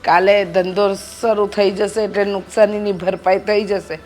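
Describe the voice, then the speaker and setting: Woman acting as ailing older mother, reassuring, mid-pitched voice. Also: little pitch movement, unhurried, darkish tone, a little hiss or hum, close to an everyday voice. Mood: soothing. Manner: soothing, reassuring.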